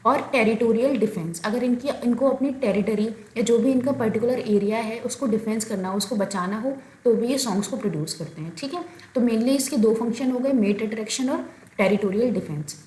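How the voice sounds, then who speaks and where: A woman's voice: on the high side, brisk, a little mellow, a little hiss or hum. Woman teaching in an echoey room. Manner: explains step by step, frequent filler checks. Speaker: biology teacher. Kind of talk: recorded lecture. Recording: echoey room, faint ambience.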